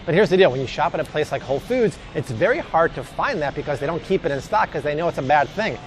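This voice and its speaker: A man's voice: a little high, lively intonation, quick pace, a little hiss or hum. A man hosting a casual grocery shopping advice vlog, chatty and emphatic with jokey asides. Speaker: host.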